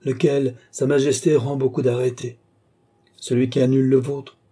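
A man doing an excitable fussy lawyer. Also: mid-range voice, moderate pace, slightly rough, voice pushed up, natural voice. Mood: agitated. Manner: excitable, effusive, loud. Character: agitated fussy male lawyer.

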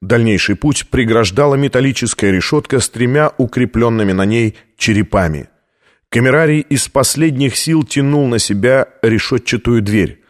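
A man's voice: mid-range voice, normal speed. Man narrating a tense audiobook. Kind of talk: scripted narration.

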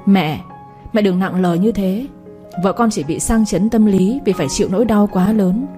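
A woman's voice: medium pitch, normal speed, faint music behind, close to an everyday voice. A woman voicing a pleading devoted son. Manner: pleading, soft-spoken.

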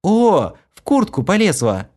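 A male audiobook reader voicing an excited, cheeky young woman gamer in a shrill, gleeful voice. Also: a little slow, exaggerated voice.

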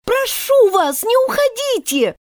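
Woman reading as storybook girl, polite, eager to please, very high, lively, dry close sound. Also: normal speed, no echo, exaggerated voice.

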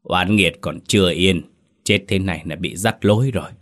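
A man voicing an old village shaman who speaks gravely and solemnly. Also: deep voice, normal speed, fairly bright tone. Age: older.

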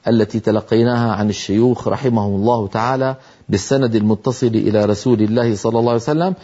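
A middle-aged man gives a patient tajweed lesson, stopping to sound out letters slowly and with care. His voice is husky and dark. The audio is dull and lo-fi, like an old broadcast. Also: mid-range voice. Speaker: Quran recitation teacher.

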